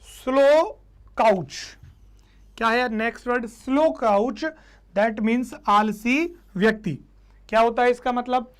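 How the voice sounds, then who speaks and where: A man's voice: very high voice, takes it slowly, clean tone. A man teaching a live online class, who keeps repeating points and quizzing his students. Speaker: English teacher.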